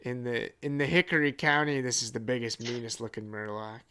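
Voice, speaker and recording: A man narrating as game master of a tabletop game, halting and full of fillers. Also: mid-range voice, steady tone, pushed and bright, clean tone. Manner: halting, many fillers and restarts.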